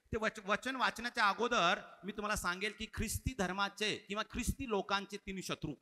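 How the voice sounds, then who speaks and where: A man's voice: sits high, fairly quick, pushed and bright. A man preaching a sermon as pastor, calling on his congregation to repeat phrases aloud. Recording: echoey hall reverb.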